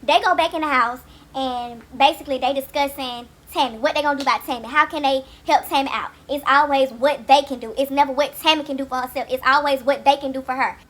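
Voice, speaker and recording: Brash, fast-talking sassy woman recap vlogger. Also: high-pitched, steady tone, a bit bright. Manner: brash, profane, sassy and opinionated. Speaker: YouTube reality-TV recap host. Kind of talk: casual recap commentary.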